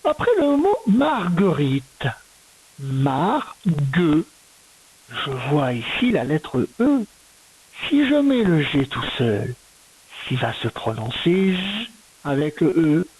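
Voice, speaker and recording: Slow, patient woman teaching. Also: sits low, very animated, a little mellow, slightly rough, low-quality recording. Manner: slow, patient, syllable-by-syllable dictation. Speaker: primary school teacher. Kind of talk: recorded reading and spelling lesson for a young child.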